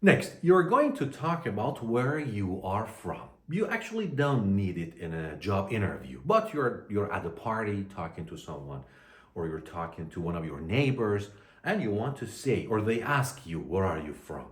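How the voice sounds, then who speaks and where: A man teaching an English lesson to learners, speaking deliberately and repeating phrases for them to copy. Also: lowish voice, very animated. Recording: echoey room.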